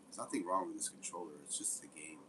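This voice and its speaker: A man's voice: deep voice, fast, background noise. A man giving casual, rambling gameplay commentary, swearing often. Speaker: game streamer.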